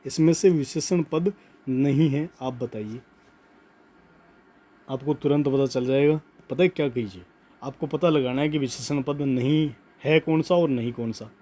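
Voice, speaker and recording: A man teaching a grammar class, slowly dictating notes and repeating key words, often checking in with "okay". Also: mid-range voice, warm tone. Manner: slow emphatic dictation, repeats words, frequent "ठीक है".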